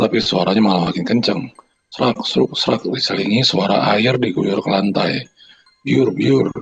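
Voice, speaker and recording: A man co-hosting a podcast, chatting in slang and reading a listener's horror story aloud, sounding out the noises in it. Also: lowish voice. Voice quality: gravelly, husky. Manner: banters in slang, then reads steadily with sound effects.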